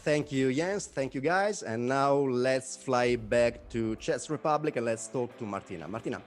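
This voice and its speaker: A man hosting a jury interview over a video call, upbeat and lively in his introductions. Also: mid-range voice, normal speed.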